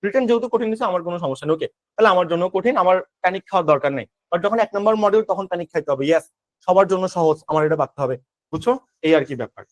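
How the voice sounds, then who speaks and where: Young Bangladeshi Bengali tutor, high and rapid, quizzes his students as he drills them. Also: expressive, no room sound. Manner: rapid, drilling with quick rhetorical questions to students. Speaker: admission test tutor. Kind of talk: online exam-prep lesson.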